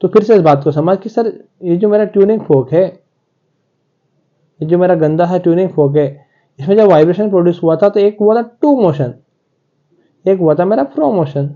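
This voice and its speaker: A man's voice: sits high, lively intonation, normal speed, pauses often, narrow, tinny audio. A male physics teacher, giving a classroom lecture and talking straight to his students, often voicing their questions himself. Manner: talks to students directly, acting out their questions.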